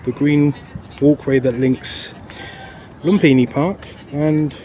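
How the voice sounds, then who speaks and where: Walking through the city and a park, this male vlogger chats in a rambling, out-of-breath way full of filler words. His voice is highish, dark, and steady, and he talks slowly. An outdoor mic catches traffic and urban background noise.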